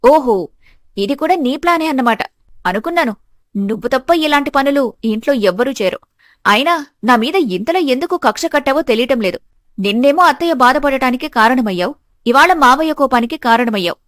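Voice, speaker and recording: Brief: wronged young bride, voiced by a woman, earnest and steady, storybook. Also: high-pitched, brisk, no echo, clean studio sound. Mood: defiant. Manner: earnest, pleading.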